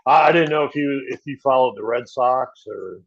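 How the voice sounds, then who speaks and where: A man's voice: medium pitch, normal speed, gravelly, no room sound, muffled recording. A man talking as a podcast guest in casual chat, giving brief replies and asking short questions.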